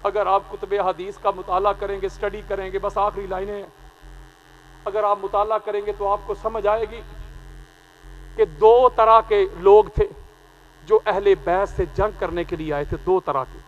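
A man giving an impassioned Muharram sermon at an outdoor gathering, swinging between loud declamation and quiet lines. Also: sits high, level tone, moderate pace, lo-fi sound. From Pakistan. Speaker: religious preacher. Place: outdoor gathering at a market square.

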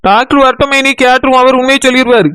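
A man's voice: very high voice, fairly even intonation, very fast, pushed and bright, clear, resonant tone, no room sound. A man voicing a sly son-in-law with a Tirunelveli Tamil accent in a village cartoon. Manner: sly, placating talk. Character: scheming young son-in-law covering a lie. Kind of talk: cartoon voice acting.

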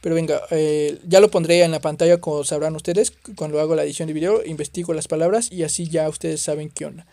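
A man doing excitable let's play commentary on a horror game, exclaiming and swearing at the scares. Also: on the high side, fast, hardly any pauses, no room sound. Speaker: gaming youtuber.

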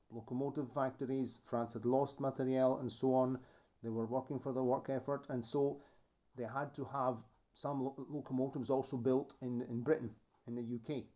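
A man's voice: mid-range voice, warm tone. A man in his forties hosting a model railway channel, talking casually and rambling about a model locomotive, with many restarts and asides. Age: 40s.

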